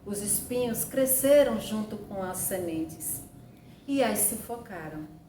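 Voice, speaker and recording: Slow woman, kindergarten teacher storytelling. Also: mid-range voice, lively intonation, mellow. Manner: kindergarten teacher voice, simple deliberate phrasing for small children. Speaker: children's storyteller. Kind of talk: children's Bible story narration with sung refrains. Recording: roomy echo, distant mic, faint noise.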